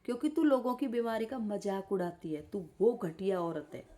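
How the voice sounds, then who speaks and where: Woman live streamer, lies in bed and hurls scolding insults in a roast rant; dark, even tone. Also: medium pitch, moderate pace. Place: lying in bed.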